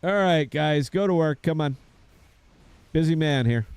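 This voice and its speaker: Man in his fifties, laid-back game streamer, mellow voice, dry close sound. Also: a little high, animated, measured pace, clean tone, dry recording. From United States. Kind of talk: casual gameplay commentary.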